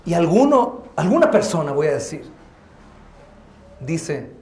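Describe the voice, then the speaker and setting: A man preaching a sermon as pastor, impassioned and rising to loud exhortation. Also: a little high, sing-song, measured pace. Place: church hall. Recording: echoey church hall.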